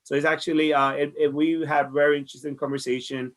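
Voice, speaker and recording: Speaking fast with a flat delivery, this slightly high-voiced man answers interview questions about his role as a farmers market director. He is from the Dominican Republic and has a Dominican Spanish accent. His replies are earnest and conversational, with frequent repetition.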